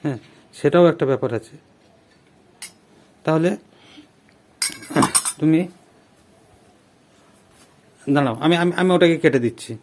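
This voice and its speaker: A man playing a father in a family vlog, coaxing and gently lecturing his daughter. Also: a little high, unhurried, pauses often, a little hiss or hum. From Bengal. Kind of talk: scripted family drama vlog.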